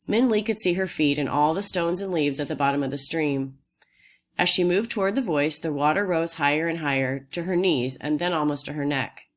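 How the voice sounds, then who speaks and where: A woman reading a children's novel aloud in a steady, unhurried storytelling voice. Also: deep voice. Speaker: audiobook reader.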